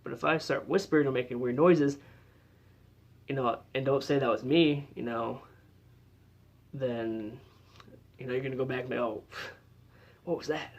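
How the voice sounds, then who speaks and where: A man's voice: medium pitch, steady tone, moderate pace, vocal fry, long pauses, lo-fi sound. A man giving a casual how-to demonstration as a paranormal investigator, explaining in a loose, chatty way with lots of fillers.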